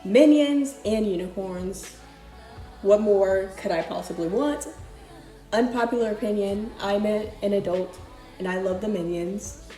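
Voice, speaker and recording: A woman's voice: medium pitch, a little slow, dark tone. A young woman chatting casually through a thrift haul, rambling with lots of fillers and restarts. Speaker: vlogger. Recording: echoey room with faint music. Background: faint music.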